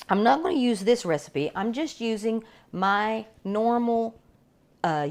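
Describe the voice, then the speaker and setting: A middle-aged woman casually demonstrating a bread machine recipe at home, chatty and rambling with frequent restarts. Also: on the low side.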